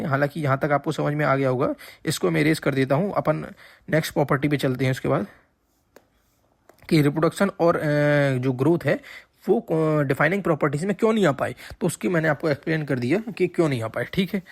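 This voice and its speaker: A man gives an exam-prep lecture in a slightly high voice. He explains patiently, repeats the key points and keeps checking that students follow. The sound is dry and close to the mic. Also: fast, creaky, husky, dry recording. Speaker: teacher.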